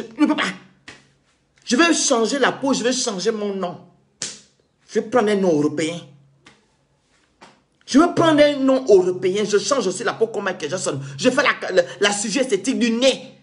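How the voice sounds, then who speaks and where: A man's voice: high voice, a bit bright. A man from Cameroon, delivering an indignant, sarcastic monologue rant as a vlogger.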